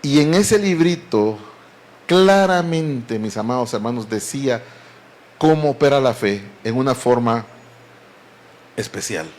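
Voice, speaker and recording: A man's voice: medium pitch, expressive, measured pace, long pauses, a little mellow. A man preaching a sermon, earnestly and often addressing the congregation as beloved brethren.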